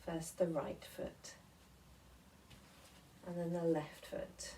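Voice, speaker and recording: Distant mic with faint noise, woman, soft-toned and lowish, soothing devotional relaxation guide, leaves pauses. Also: fairly even intonation. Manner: gentle, soothing, unhurried instruction with pauses.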